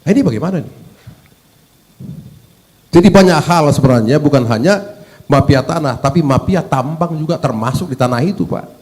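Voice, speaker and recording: A man's voice: a little high, animated, moderate pace, pauses often, darkish tone. Emphatic man. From Medan, North Sumatra. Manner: emphatic, rhetorical questions, keeps addressing 'sir'. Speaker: parliament member at a hearing. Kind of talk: formal hearing address.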